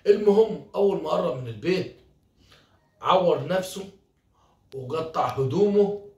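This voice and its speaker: A man's voice: on the high side, moderate pace, lo-fi sound. Egyptian man telling a folk tale. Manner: lively, animated retelling with acted voices. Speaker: storyteller. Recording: roomy, from a distance.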